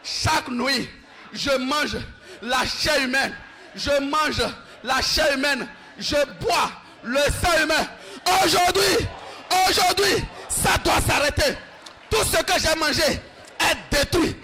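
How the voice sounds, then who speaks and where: A male pastor leading a shouted deliverance prayer, fervently repeating short commands over and over. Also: very high-pitched, slow pace, a crowd in the background, noisy background.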